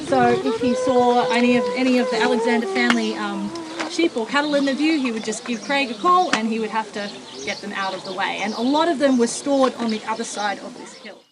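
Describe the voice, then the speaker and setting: A woman's voice: fairly high pitch, fairly quick. A woman giving a guided tour outdoors, chatty and often checking in with her group. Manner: chatty, tags lines with "okay?". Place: outdoors on a farm film set. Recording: noisy outdoor camera audio.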